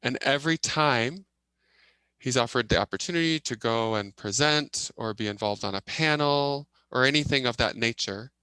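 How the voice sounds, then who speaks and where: A man working as an interpreter, giving simultaneous interpretation of a signed presentation in halting phrases delivered in short bursts. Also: medium pitch, sharp tone, clean tone, dry recording, rough recording. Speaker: sign language interpreter voicing a deaf presenter.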